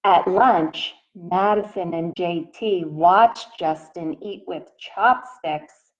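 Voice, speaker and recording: A woman teacher reads a picture book aloud to young children, deliberate and expressive, addressing her listeners directly. Her voice sits on the low side, and the sound is lo-fi.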